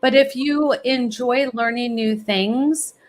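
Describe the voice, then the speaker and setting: Encouraging woman giving advice, higher voice. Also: slow. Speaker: college planning expert, guest. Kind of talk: podcast interview.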